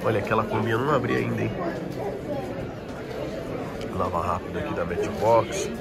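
His voice is on the low side and creaky, moving at a moderate pace. He's a Brazilian toy collector and vlogger, accent clearly Brazilian Portuguese, offering informal, slang-filled walk-around commentary while recording on the move at a busy toy convention amid crowd chatter.

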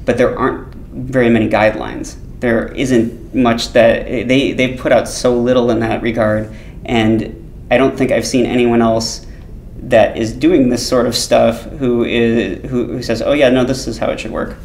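A man's voice: little pitch movement, normal speed, gravelly, a little mellow. A man in his thirties interviewing casually and thoughtfully at an expo booth. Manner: casual, thoughtful, many backchannels. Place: booth at a tech expo, indoors. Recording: roomy expo hall with faint rumble.

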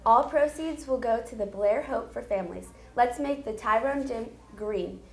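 A woman reading morning announcements over a school intercom in an even, businesslike way. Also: on the high side, echoey room. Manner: reads a list of notices in an even, businesslike way.

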